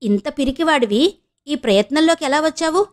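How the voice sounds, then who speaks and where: A woman voicing a stubborn, scheming young woman with a sharp, taunting way of talking. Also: sits high, expressive, normal speed, voice pushed up.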